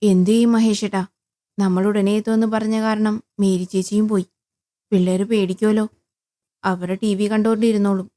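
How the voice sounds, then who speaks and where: A woman voicing an anxious young mother stuck on a dark road, pleading and fretful. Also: mid-range voice, flat delivery, moderate pace, natural voice. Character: worried young mother stranded at night.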